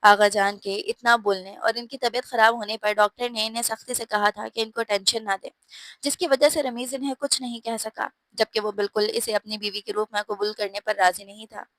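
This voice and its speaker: A woman storyteller narrating a scripted bedtime story in a steady, even reading voice. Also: medium pitch, a little fast, no room sound.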